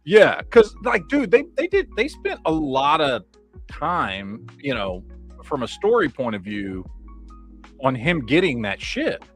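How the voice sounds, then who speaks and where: A man hosting a casual live stream chat, talking in an animated way with lots of "you know what I mean.". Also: a little high, measured pace. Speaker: show host. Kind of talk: casual chat about toys and films. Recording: live stream with faint background music.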